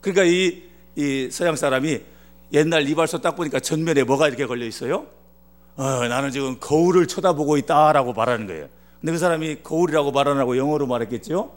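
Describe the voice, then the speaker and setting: Joking guest pastor from Chungcheong. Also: male voice, a little high, quick pace. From Chungcheong, Korea. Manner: jokey, acts out dialogue in dialect. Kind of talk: humorous sermon storytelling.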